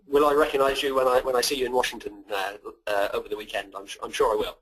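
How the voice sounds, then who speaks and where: Husky West Country Englishman presenting. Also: medium pitch, flat delivery, a bit bright, low-quality recording. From west of England. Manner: hesitant, halting, repeats words. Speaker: software company presenter. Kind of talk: informal webinar presentation. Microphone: phoning in to a webinar.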